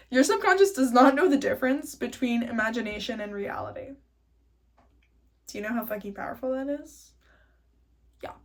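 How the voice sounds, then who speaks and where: A woman giving a casual self-help lesson in a chatty, excitable way, swearing freely. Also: on the high side.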